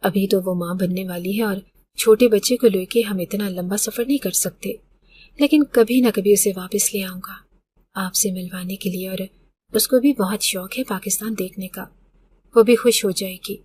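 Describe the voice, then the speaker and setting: A man's voice: high-pitched, darkish tone, a little hiss or hum, lightly acted. A woman voicing her grown son, who speaks in a curt, dismissive way. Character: grown son, brusque and defiant.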